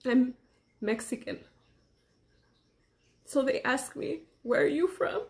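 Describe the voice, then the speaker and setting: A young woman from Los Angeles talks to camera. Her voice sits fairly high. She speaks slowly and earnestly, weighing each phrase with pauses. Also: expressive. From Los Angeles, USA. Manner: earnest, deliberate, pausing between phrases. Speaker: vlogger. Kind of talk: personal monologue to camera.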